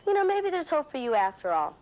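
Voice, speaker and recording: A woman's voice: high-pitched, very animated, quick pace. A woman playing a sassy, defiant teenage girl with a blunt, wisecracking way of talking in a 1970s TV drama. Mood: brash, teasing. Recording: muffled, faintly noisy old TV soundtrack.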